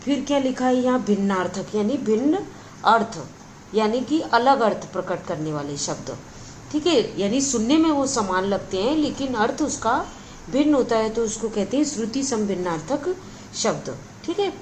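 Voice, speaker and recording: A woman's voice: a little high, animated, moderate pace, darkish tone, a little hiss or hum, low-quality recording. A woman teaching a grammar lesson, explaining each point patiently and checking in with her listeners again and again. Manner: patient, repeats words and adds frequent check-ins.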